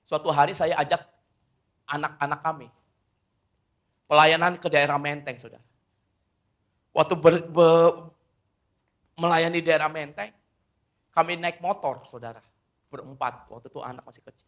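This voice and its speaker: Speaking at normal speed with long pauses, a middle-aged man preaches in a slightly high, steady voice. As pastor, he shifts from forceful declarations to hushed side remarks and often says "saudara" to his listeners.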